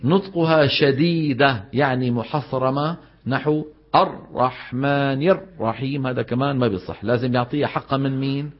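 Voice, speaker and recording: A man teaches Quran recitation at a middle pitch, quizzing his students. He acts out wrong and correct pronunciations one after another. The recording is dull and lo-fi, like an old lecture tape. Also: fairly quick. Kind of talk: classroom lesson on tajweed.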